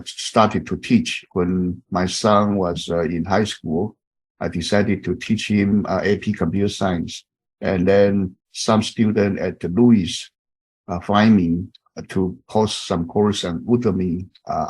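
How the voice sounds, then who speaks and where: A man in his fifties from Taiwan with a Taiwanese accent, a professor introducing himself to an online class in halting speech full of fillers and restarts. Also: sits low, darkish tone.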